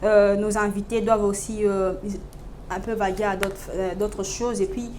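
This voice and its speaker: A woman hosting a casual studio talk show, talking in a lively, laughing way with many restarts. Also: medium pitch, normal speed, a little hiss or hum. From Congo. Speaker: host.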